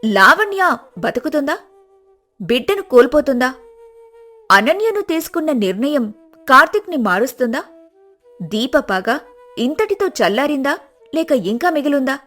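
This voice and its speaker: High-voiced woman narrating a dramatic story. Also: sing-song, measured pace, pauses often, fairly bright tone, soft background music.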